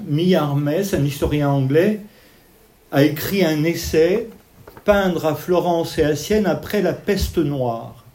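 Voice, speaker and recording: A man's voice: a little high, warm tone. A man lecturing on art history at an evening talk, explaining paintings step by step while pointing out details and talking with his hands. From Italian family background.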